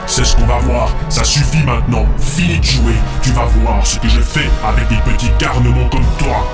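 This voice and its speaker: A man voicing a huge, menacing giant warrior in a cartoon, speaking with a booming, deep, mocking voice. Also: fairly even intonation, moderate pace, natural voice. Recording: cartoon with loud music behind.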